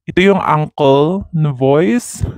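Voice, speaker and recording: Deep pitch-shifted uncle voice, a woman through a voice changer. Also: slow, darkish tone, no echo, studio quality. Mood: demonstrating. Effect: voice changer lowering pitch into a deep male "uncle" voice. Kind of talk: product demo vlog.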